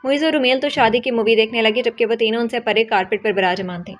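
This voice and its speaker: A woman narrating a novel aloud in a steady storytelling manner. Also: fairly high pitch. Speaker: audiobook narrator. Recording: dull lo-fi audio.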